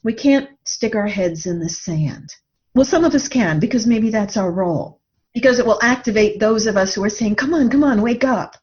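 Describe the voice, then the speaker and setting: In dull lo-fi audio, a middle-aged woman who works as a life coach appears as a podcast guest, her slightly high, darkish voice animated at a normal pace. She reflects earnestly and thoughtfully, sharing anecdotes from her own experience.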